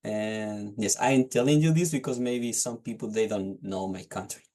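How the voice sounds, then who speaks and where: Over a video call, a young man with a Chilean accent answers unscripted speaking-test questions as a test candidate. He sounds hesitant, often restarting phrases while he searches for words, in a fairly low, dark voice at normal speed.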